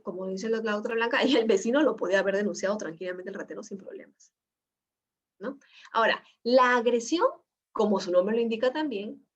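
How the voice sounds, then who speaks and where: Lively woman lecturing on law, lo-fi. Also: a little high. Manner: lively storytelling with tag questions. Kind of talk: online law class. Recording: dull lo-fi online class audio.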